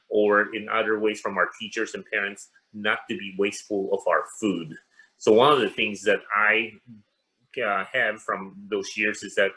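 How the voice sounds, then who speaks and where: A man from the Philippines, a pastor, answering interview questions in a measured way with many pauses and fillers. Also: fairly low pitch, bright, forceful tone, rough recording. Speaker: interview guest. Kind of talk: casual interview.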